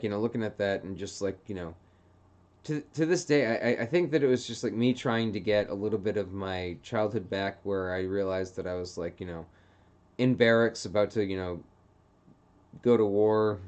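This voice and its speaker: A man's voice: lowish voice, a little mellow. A young man rambling through a casual solo monologue, full of filler phrases, as the host of his own show. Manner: meandering, heavy on filler phrases. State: hiccups. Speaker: podcast host.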